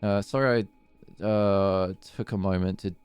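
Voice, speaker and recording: A man's voice: low-pitched, fairly even intonation, a little slow, a little mellow, clear, resonant tone, no room sound, soft background music. A man chatting casually on a livestream in a hesitant, rambling way. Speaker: streamer.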